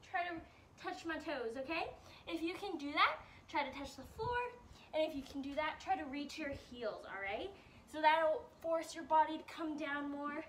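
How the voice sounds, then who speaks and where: A woman's voice: high-pitched, a bit bright, distant mic, a little hiss or hum. Breathless upbeat woman coaching stretches. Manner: upbeat coaching, checks in with "all right?". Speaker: PE teacher. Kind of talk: guided exercise instruction.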